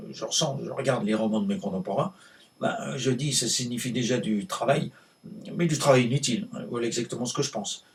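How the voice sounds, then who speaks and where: A world-weary, cantankerous male novelist, played by a man on stage holds forth in a creaky voice. The delivery is hammy and theatrical, halting and repeating itself before leaning hard on key words. The microphone sits some distance away. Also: medium pitch, lightly acted. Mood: disdainful. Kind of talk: theatrical monologue performed in a conversational ramble.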